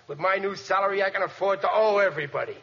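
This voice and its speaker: High-pitched, blustering working-class dad, noisy old radio. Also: male voice, fast talker, gravelly, sharp tone, exaggerated voice. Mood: expansive, boastful. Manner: stammering, blustering, bad grammar. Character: excitable, boastful, dim working-class family man. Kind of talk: 1940s radio sitcom acting. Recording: noisy, dull 1940s radio recording.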